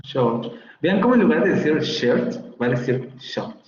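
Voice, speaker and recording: A man's voice: fairly high pitch, very animated, normal speed, darkish tone, a little hiss or hum. A man teaching a phonetics class online, explaining patiently and sounding out examples. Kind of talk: online lecture. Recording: roomy, slightly dull video-call audio.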